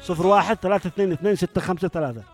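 A Yemeni man hosts a live call-in radio show, rattling his words off at great speed and talking over his callers. His voice sits high for a man. Faint music plays behind him. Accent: Yemeni Arabic. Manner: fast, talks over callers.

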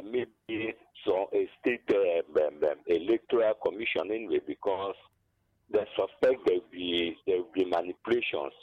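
A man's voice: fairly low pitch, dry recording. An older Nigerian man calling in to a radio show, hesitating over many fillers and building into emphatic complaints over a dull phone line. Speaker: caller.

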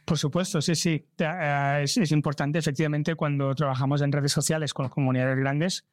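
A man from Barcelona, Spain, speaks with a Spanish accent in a fairly high, level voice at normal speed. He's a travel content creator and trip organizer, earnestly answering interview questions about travel. The recording is clean studio sound with no echo.

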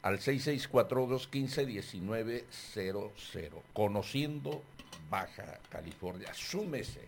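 Man, radio host, low voice, loud chatty ad reads, faint studio noise. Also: lively intonation, gravelly. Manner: loud, chatty, drawn-out ad delivery. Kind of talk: casual radio talk with live ad reads.

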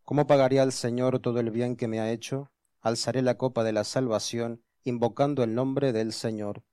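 A man reading scripture and responses at Mass as a lector, solemn and measured. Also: mid-range voice, fairly even intonation, warm tone.

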